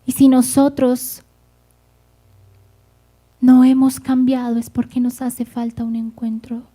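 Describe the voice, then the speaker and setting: High-voiced woman preaching a fervent sermon. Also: flat delivery, takes it slowly, dark tone. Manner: fervent, addresses the congregation directly.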